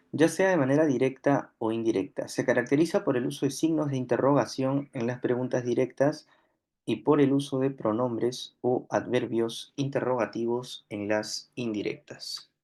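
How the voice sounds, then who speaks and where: A man's voice: mid-range voice, normal speed, darkish tone. Patient Peruvian man teaching grammar. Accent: Peruvian Spanish. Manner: patient, repeats examples, many "eh" fillers and tag "¿no?". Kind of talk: grammar lesson explaining on screen.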